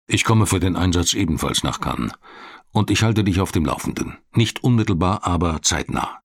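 A man's voice: deep voice, slightly rough, no echo, clean studio sound. A man reading the part of a serious, authoritative male police official who speaks in a stern, commanding way.

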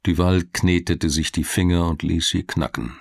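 A man narrating a crime audiobook in a calm, even storytelling manner, close to the mic. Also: deep voice, normal speed, vocal fry, dry recording.

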